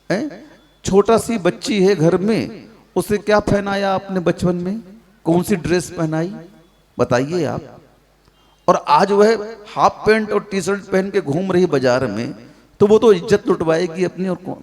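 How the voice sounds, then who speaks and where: A male preacher with a high voice delivers a scolding sermon at a slow pace. He fires reproachful rhetorical questions at his listeners. His voice comes through a microphone and rings with the long reverb of a large hall. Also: a little mellow. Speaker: religious preacher. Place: large hall at a public gathering.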